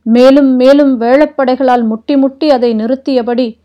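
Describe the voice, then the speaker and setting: A woman narrating a literary epic as an audiobook, in a deliberate, dramatic reading style. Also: high-pitched, steady tone. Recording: dull lo-fi recording.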